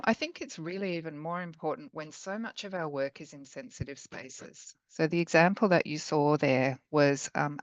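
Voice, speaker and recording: Middle-aged female academic, croaky and hoarse, measured conference delivery, dry lo-fi video-call sound. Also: sits low, no room sound. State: hoarse after illness. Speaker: academic researcher giving a talk. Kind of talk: informal conference talk. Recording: dull lo-fi call audio.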